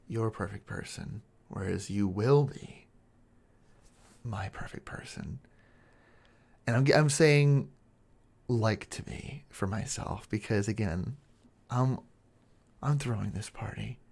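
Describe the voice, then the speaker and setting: An obsessive male kidnapper played by a man in an intimate role-play monologue. His voice sits low with a heavy creak, and he muses haltingly, coaxing his captive with controlling, quiet menace. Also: exaggerated voice. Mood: musing, controlling, then obsessive, creepy. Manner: halting, musing, coaxing, with drawn-out pauses.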